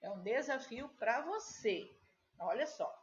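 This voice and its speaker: A woman's voice: fairly high pitch, expressive. A woman teacher, patiently walking young pupils through a workbook task and checking often that they follow. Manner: slow, patient, with frequent checking tags. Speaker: primary school teacher. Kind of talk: recorded remote class walkthrough. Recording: slightly dull lo-fi audio.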